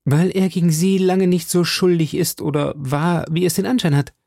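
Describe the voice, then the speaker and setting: A man voicing an eager, infatuated young swordsman who speaks in a flattering, fervent way. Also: high voice, moderate pace, vocal fry, dry recording, clean studio sound, pitched above the performer's own voice.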